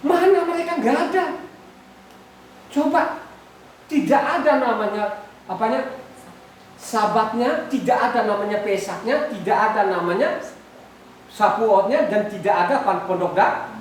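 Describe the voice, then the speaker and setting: A woman's voice: on the high side, unhurried, pauses often, a little hiss or hum. A woman preaching a sermon, exhorting her listeners, asking them questions and repeating her words. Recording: echoey room, far from the mic.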